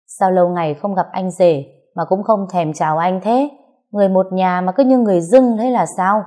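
A woman's voice: fairly low pitch, normal speed, warm tone, natural voice. A woman voicing a smug, bullying grown man who mocks and needles his sister-in-law in an audio story. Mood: taunting. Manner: mocking, needling.

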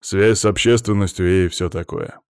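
A man's voice: low-pitched, moderate pace, no echo, studio quality. Man doing a grumpy mentor rescuer. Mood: irritated. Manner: irritated, gruff.

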